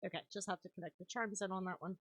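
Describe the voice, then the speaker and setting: A woman's voice: mid-range voice, fairly even intonation, racing, fairly bright tone, no echo. A woman chatting casually on a live stream while crafting, swearing freely and laughing often. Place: home craft room.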